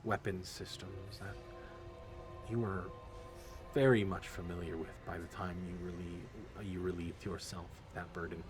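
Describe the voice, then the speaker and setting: Low-voiced guy running a tabletop game, kinda halting, music playing behind. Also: fairly even intonation. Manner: loose, hesitant narration with restarts. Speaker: game master.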